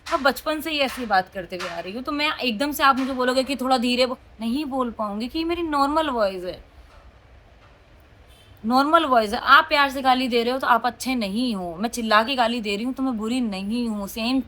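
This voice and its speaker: A young woman with a loud voice, talking outspokenly and emotionally to her viewers in a casual confessional vlog. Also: fairly high pitch, brisk. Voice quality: loud, forceful voice. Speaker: vlogger.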